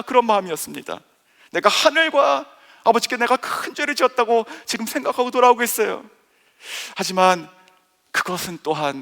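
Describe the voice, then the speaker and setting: Bright emphatic male pastor preaching. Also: high voice. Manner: emphatic preaching, acts out the father's voice. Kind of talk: sermon. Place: church sanctuary. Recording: long reverb in a church hall.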